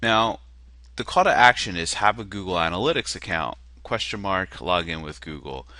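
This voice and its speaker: During a relaxed screen-share walkthrough, a male marketer picks apart a landing page, hesitant and self-deprecating and full of fillers. His deep, nasal voice is animated, bright and forceful, moving at a moderate pace. No echo is present.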